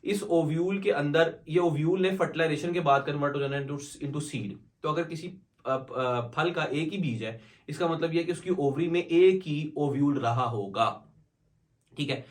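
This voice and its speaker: A male biology teacher giving a classroom lecture, asking and answering his own questions and slowing down to dictate definitions. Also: fairly high pitch. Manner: explains in mixed Hindi and English, asks and answers his own questions; slows down to dictate English definitions. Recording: echoey room from far off.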